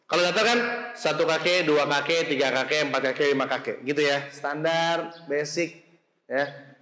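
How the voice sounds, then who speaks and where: A young man with a high, bright voice leads a group through speaking drills, swinging his pitch up and down to show emphasis. His voice rings through a large hall with a long, echoing tail. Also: moderate pace. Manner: animated, drills the audience on intonation with playful examples. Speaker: teacher training instructor. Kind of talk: lively workshop lesson. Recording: echoey, reverberant hall.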